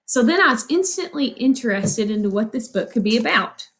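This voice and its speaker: An elementary school teacher reads a picture book aloud to children in a fairly high, animated voice at a quick clip. She explains as she goes, posing questions and then answering them herself in an instructive way.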